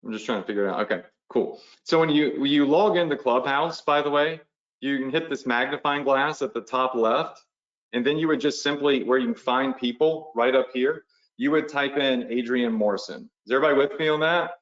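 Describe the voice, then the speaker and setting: A man with a mid-range, fairly bright voice runs a casual live webinar at a brisk clip, chatting through the steps and checking in with viewers often. He has the hiccups, and the recording sounds echoey with the highs cut off.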